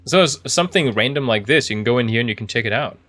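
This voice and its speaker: A man's voice: mid-range voice, lively intonation, very fast, bright, forceful tone. A man giving casual video game commentary, thinking aloud in a chatty, easily impressed way. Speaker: video game streamer playing an indie horror game.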